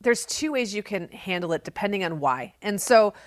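In a studio-quality recording with no echo, a middle-aged woman with an expressive, medium-pitched voice speaks at a normal speed. As a podcast co-host, she tells casual, candid stories at her own expense with a big, projecting voice.

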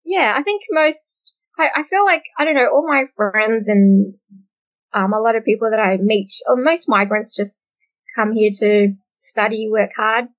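A woman from Australia in her late twenties or thirties, chatting as an interview guest in a relaxed, hesitant way with many ums. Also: a little high, a little slow. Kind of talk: casual interview chat. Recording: muffled, dull audio.

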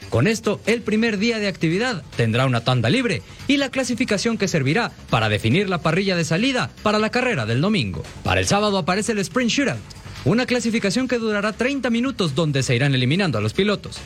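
Lively high-pitched male sports news narrator. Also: quick pace. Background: background music.

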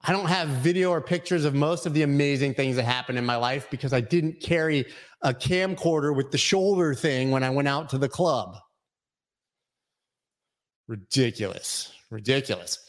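A man's voice: medium pitch, normal speed. A man in his forties hosting a casual crypto show, rambling and joking as he reads chat comments aloud. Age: 40s. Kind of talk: casual live-stream chat.

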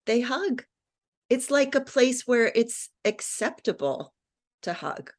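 Slow-paced woman podcast host; relaxed and affirming. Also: fairly high pitch. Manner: relaxed, thinking aloud, with frequent affirmations. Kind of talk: conversational podcast discussion.

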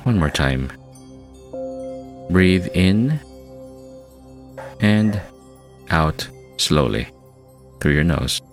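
A man with an extremely deep voice guides a meditation in a soft, soothing, spa-like hush. He speaks very slowly and leaves long, calming pauses between phrases. Gentle New-age music plays behind him.

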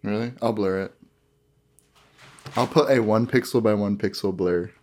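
A man's voice: lowish voice, normal speed, a little mellow. A man chatting casually, recorded slightly off the microphone. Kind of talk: casual chat.

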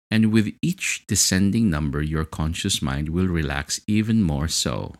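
In a hypnosis relaxation session, a man with a very low voice guides the listener slowly and soothingly. His pitch rises and falls in a lively way, giving the delivery a hypnotic quality.

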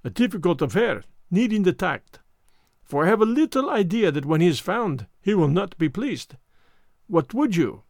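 A man's voice: high voice, very animated, moderate pace, creaky, no room sound, clean studio sound, heavily acted. A man voicing a fussy, vain little detective who speaks in prim, precise foreign-sounding English. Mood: amused.

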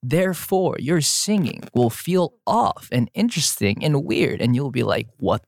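Animated young man with lively pitch. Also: unhurried, creaky, no echo, studio quality. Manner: animated, jokey, explains with exaggerated examples. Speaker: singer guest. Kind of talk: casual podcast chat.

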